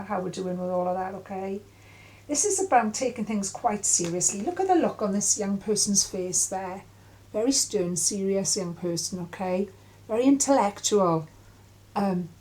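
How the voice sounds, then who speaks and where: A middle-aged woman giving an intuitive tarot reading in a musing, halting way with many fillers. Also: mid-range voice, a little mellow, slight background noise, low-quality recording. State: coughing at times. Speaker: tarot reader.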